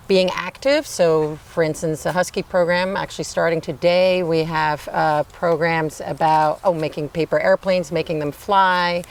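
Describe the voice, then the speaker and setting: A woman speaking informally as an interview guest, explaining things in a halting, informative way. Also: lowish voice. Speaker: assistant librarian, interview guest.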